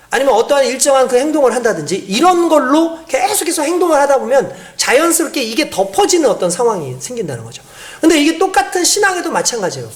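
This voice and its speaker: A woman pastor preaching a sermon, explaining step by step and asking the congregation rhetorical questions. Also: on the high side.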